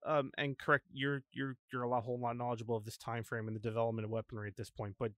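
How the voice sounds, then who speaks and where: A man's voice: medium pitch, flat delivery, racing, a bit bright, no room sound. Dry-sounding man in casual chat. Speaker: podcast co-host. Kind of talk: casual discussion.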